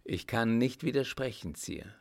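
A man's voice: medium pitch, animated, measured pace, creaky. A man voicing a young army captain in a story reading, answering in terse, respectful replies.

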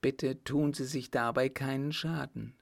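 A man's voice: mid-range voice, steady tone, measured pace, vocal fry, pitched above the performer's own voice. A man reading an audiobook, voicing a teasing, composed young noblewoman in a raised, playful voice. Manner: lightly mocking, playful.

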